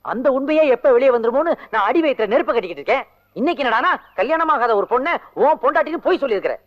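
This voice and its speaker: An actor playing an exasperated friend who scolds in rapid, sarcastic bursts. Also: male voice, extremely high pitch, animated, highs cut off. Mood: scolding. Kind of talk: film drama dialogue.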